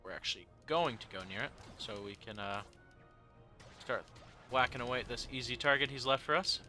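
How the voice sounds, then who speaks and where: A young man talks through a video game at his home setup, rambling and joking between fillers. His tone is sharp and very bright, and faint game music plays under him. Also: medium pitch, fairly quick. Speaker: let's play host. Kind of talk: casual gameplay commentary.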